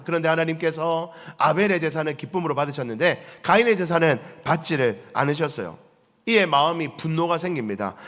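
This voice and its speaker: A man's voice: on the high side, a bit bright. A man, telling stories and acting out the voices of the people in them. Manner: storytelling, acting out voices of biblical figures and questioning the congregation. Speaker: pastor. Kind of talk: sermon. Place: church sanctuary. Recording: echoey church hall.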